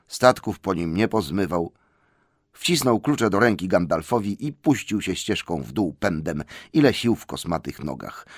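A man narrating an audiobook in a measured storytelling manner. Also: low-pitched, dry recording, studio quality.

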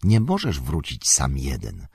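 Man reading as a calm, wise elven queen. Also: extremely low pitch, husky, no room sound, exaggerated voice. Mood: solemn. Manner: measured, solemn counsel. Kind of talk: audiobook character voice.

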